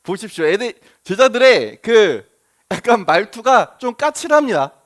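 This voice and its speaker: A man's voice: high voice, big pitch swings, normal speed, fairly bright tone. A man, a pastor, preaching a sermon in a conversational way, asking the congregation questions and acting out the disciples' words.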